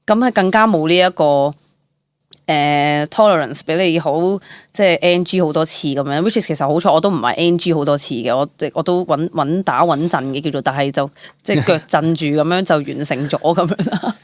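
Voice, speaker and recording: A young woman, an actor guesting on an interview, tells stories in a chatty, expressive way with a Hong Kong Cantonese accent, slipping in English words here and there. Her voice sits low and moves fairly quickly, with no echo in the recording.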